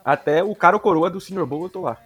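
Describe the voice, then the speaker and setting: A man with a Brazilian accent co-hosting a casual sports podcast, slangy and joking, halting and often repeating himself. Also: high-pitched, slightly rough, soft background music. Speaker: podcast co-host.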